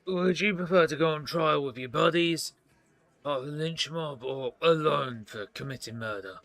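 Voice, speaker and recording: Brief: chatty male streamer; bright, slightly raised voice. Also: fairly high pitch, moderate pace, creaky, no room sound. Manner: chatty asides. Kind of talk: casual game-stream commentary.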